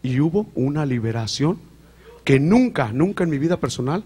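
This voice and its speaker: A man gives a fervent church testimony, his voice sitting high for a man. He drops to near-whispers, then rises to full shouts, calling out to the brothers in the pews. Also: animated, moderate pace, husky. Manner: fervent, swinging from hushed to shouting; keeps calling out to the congregation as brothers. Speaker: church member giving testimony. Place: church sanctuary before a congregation.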